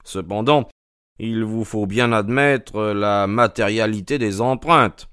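A man's voice: lowish voice, clear, resonant tone, no room sound, studio quality. Man voicing Sherlock Holmes, keen and probing. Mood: intrigued. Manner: quick, questioning, excited interjections. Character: keen, probing male detective, eager and precise. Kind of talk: audiobook character reading.

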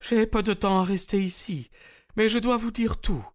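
Man doing a high proud older woman, foreign accent, solemn, storybook reading. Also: moderate pace, lightly acted. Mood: confessing.

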